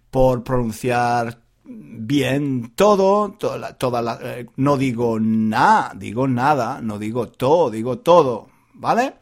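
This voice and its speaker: A man from Granada teaching Spanish to learners, talking slowly and clearly, pronouncing every syllable and repeating himself often. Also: medium pitch. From Granada, Spain. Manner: deliberate, carefully enunciated, repetitive. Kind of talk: slow teaching monologue for learners.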